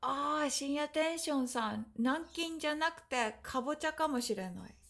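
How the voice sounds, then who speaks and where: A woman's voice: sits high, animated, moderate pace, fairly bright tone. A woman teaching Japanese in a live online class. She speaks English with a Japanese accent and switches between the two languages as she reads chat comments aloud.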